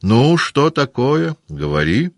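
A man reading the lines of a tired, stout old army commander, drawling slowly and wearily. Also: medium pitch, big pitch swings, no room sound, studio quality, voice pushed up. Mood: weary.

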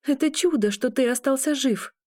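A woman's voice: high voice, moderate pace, darkish tone, dry recording, clean studio sound, voice pushed up, natural voice. A woman voicing a shy, flustered young woman who fusses anxiously over an injured man. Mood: fussing. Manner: raised, anxious exclamations.

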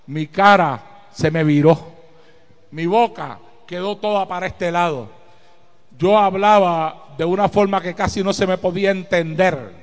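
A middle-aged man preaching a sermon as pastor, telling a testimony slowly and rising to shouts. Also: sits high. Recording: long reverb of a hall.

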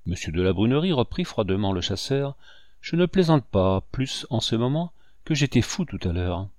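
A man voicing a cool, sly hunter who stays smoothly polite and icy in an audiobook reading. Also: medium pitch, very animated, moderate pace, darkish tone, no echo, studio quality, close to an everyday voice. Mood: cold.

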